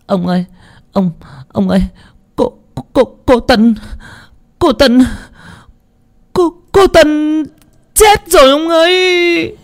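A man voicing a panicked old woman cook who stammers in a high, shrill voice. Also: a little fast, darkish tone, clean tone, no echo, studio quality, close to an everyday voice.

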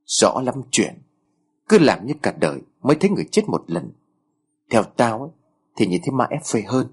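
A man's voice: mid-range voice, very animated, normal speed, slightly rough. A man voicing a sluggish, sarcastic teenage boy who grumbles at his friend in a storybook reading. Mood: grumbling.

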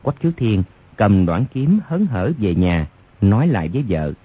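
Lively low-voiced male narrator. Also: normal speed, slightly rough. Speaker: audiobook narrator. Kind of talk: storytelling narration of a martial arts novel. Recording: lo-fi radio recording.

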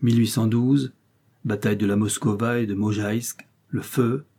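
A man with a low, husky voice reads a classic short story in a measured, unhurried way. His tone is dark and mellow, and he lifts his pitch when voicing the characters' lines. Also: steady tone. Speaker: narrator. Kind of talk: audiobook reading of a short story.

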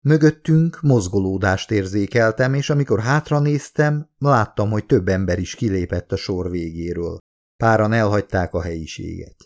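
Low gravelly male audiobook narrator. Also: darkish tone. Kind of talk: first-person audiobook narration.

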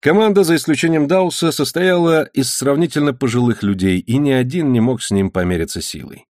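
A man narrating a classic story as an audiobook, in a measured, expressive reading. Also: mid-range voice, dry recording, studio quality. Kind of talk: scripted narration.

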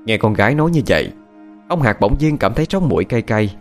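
A man narrating a ghost story in an expressive, scripted storytelling cadence. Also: fairly low pitch, quick pace, soft background music.

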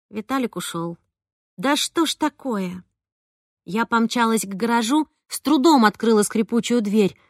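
A woman's voice: a little high, no room sound, clean studio sound. Woman reading a novel aloud. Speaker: audiobook narrator. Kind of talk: first-person novel narration.

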